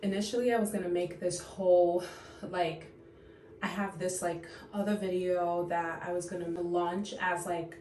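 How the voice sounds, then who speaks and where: Woman, 30s, low voice, close to tears, halting with many sighs, echoey room, faint hiss. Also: level tone, warm tone. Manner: tearful, halting, full of fillers and sighs. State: on the verge of tears. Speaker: vlogger. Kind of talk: unscripted emotional confession to camera.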